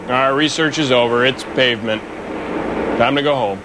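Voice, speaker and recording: A man's voice: medium pitch, moderate pace, very noisy. A man making dry, sardonic jokes while riffing over an old film. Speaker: riffing host.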